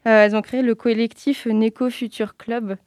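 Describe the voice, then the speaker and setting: A woman's voice: a little high, level tone, normal speed, a little mellow, dry recording, studio quality. A woman talking as a radio guest in a casual interview, hesitant and full of fillers.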